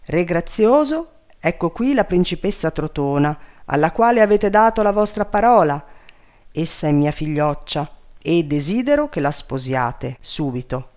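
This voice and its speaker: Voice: mid-range voice, lively intonation, slow pace, a little mellow, smooth. A reader voicing a haughty, commanding fairy godmother in a storybook reading, raised and scolding. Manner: imperious, scolding.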